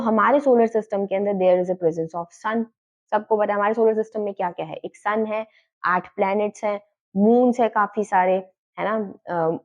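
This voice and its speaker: A woman's voice: mid-range voice, a little mellow, highs cut off. A woman teacher giving a lecture, asking questions and answering them herself, often switching into English phrases. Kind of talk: classroom lecture.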